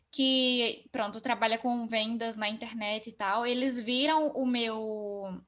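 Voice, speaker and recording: A young woman, chatting casually as an interview guest and filling her talk with relaxed asides. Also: a little high. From Northeast Brazil. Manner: relaxed, talkative, frequent fillers.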